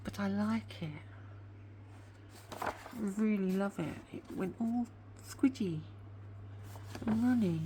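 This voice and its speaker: This woman speaks slowly in a mid-range, dark-toned voice, pausing often, with slight noise behind her. Playing a craft vlogger, she chats casually and rambles, a sore tooth making her a bit whiny. She owns up to waffling in her easygoing show-and-tell about crafts.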